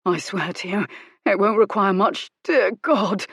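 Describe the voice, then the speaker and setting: A woman reading the lines of a desperate young man, hoarse and urgent. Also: medium pitch, measured pace, no room sound, studio quality. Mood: strained, urgent.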